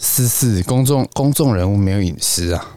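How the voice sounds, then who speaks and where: Giggly low-voiced man. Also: lively intonation, normal speed, dark tone, no echo, studio quality. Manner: giggly, rambling, laughs often. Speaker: podcast co-host. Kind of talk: casual chat.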